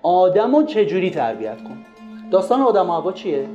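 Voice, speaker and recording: A man giving a lively talk on raising children, pressing the listener with rhetorical questions. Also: high-pitched, lo-fi sound. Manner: asks many rhetorical questions. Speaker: religious parenting speaker. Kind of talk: lively lecture retelling a story. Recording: roomy echo with faint music.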